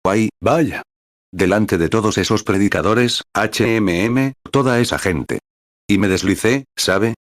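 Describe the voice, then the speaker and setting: A man with a very low voice reads a translated sermon as a personal life story. He keeps a plain storytelling manner and calls out each paragraph number as he goes. The sound is dry and close, with no room echo. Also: unhurried. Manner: reads paragraph numbers aloud between passages. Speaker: sermon reader.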